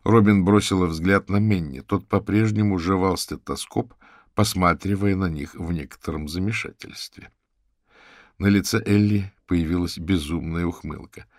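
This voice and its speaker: Steady male audiobook narrator, very low pitch, gravelly. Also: normal speed, no echo, studio quality. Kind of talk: scripted narration.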